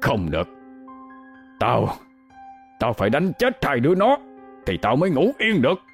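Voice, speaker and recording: A man voicing a drunk, cruel, violent older father who shouts abuse in a Vietnamese audio story. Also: medium pitch, wildly swooping pitch, moderate pace, husky, faint music behind, pitched above the performer's own voice, heavily acted. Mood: drunken rage.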